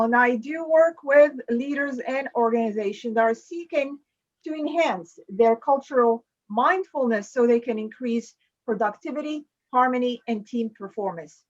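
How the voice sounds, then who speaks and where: A woman with a high, bright-toned voice hosts a podcast and introduces her guests with upbeat emphasis. The recording sounds a little dull and lo-fi. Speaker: podcast host. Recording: dull lo-fi audio.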